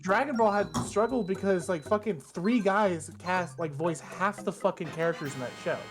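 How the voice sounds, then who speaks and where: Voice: mid-range voice, moderate pace. A blunt, opinionated streamer who swears often while chatting casually on a gaming stream. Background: game music.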